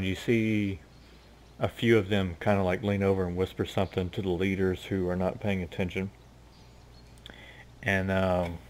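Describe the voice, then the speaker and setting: A man narrating as game master of a tabletop game in a relaxed, hesitant way, with many fillers. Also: low-pitched.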